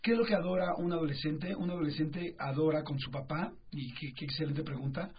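A man's voice: a little high, a little fast, a little hiss or hum. A man with a Mexican accent, an author guest on a radio talk show, explaining animatedly with rhetorical questions and acted-out quotes. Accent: Mexican Spanish. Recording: dull radio broadcast sound.

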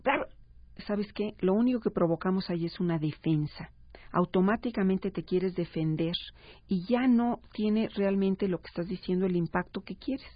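A woman, a parenting expert speaking as a guest on a radio talk show, explaining calmly and acting out parents and children. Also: medium pitch, normal speed, dry recording. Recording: slightly dull radio broadcast sound.

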